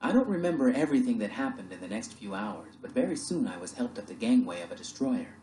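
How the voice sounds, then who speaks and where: A man narrating an audiobook with an expressive, dramatic reading. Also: mid-range voice, quick pace, echoey room, a little hiss or hum, rough recording.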